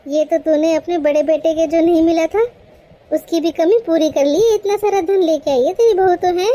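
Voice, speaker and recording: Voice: very high voice, steady tone, moderate pace, dark tone. Someone doing a nosy, gossipy cartoon auntie. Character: nosy, gossipy middle-aged female friend.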